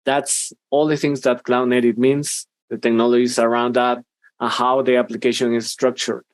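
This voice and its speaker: Guatemalan man in his thirties, Spanish-accented English, presenting a tech talk over a headset, dry close sound, plenty of fillers and restarts, mid-pitched voice. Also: little pitch movement, moderate pace, no room sound. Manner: informal, hesitant, many fillers and restarts. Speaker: university professor and conference speaker. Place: small room indoors, video call.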